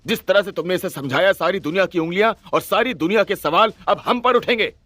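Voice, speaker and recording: A man's voice: high voice, brisk, bright, forceful tone, dry recording, pitched above the performer's own voice. A man doing an angry, frustrated commander. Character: angry male commander in a control room.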